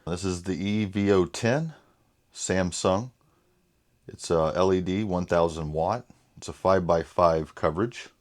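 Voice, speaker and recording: Eager deep-voiced man showing his grow tents. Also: a little slow. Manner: enthusiastic, keeps saying "ladies and gentlemen". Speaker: home grower vlogger. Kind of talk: casual show-and-tell vlog. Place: indoors beside grow tents.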